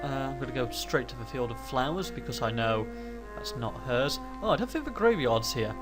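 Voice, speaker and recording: Music plays behind a mid-range, animated male voice speaking fairly quickly. The speaker has a cold and is giving casual gameplay commentary for a let's play, rambling and hesitating, often restarting and correcting himself as he works through his thoughts.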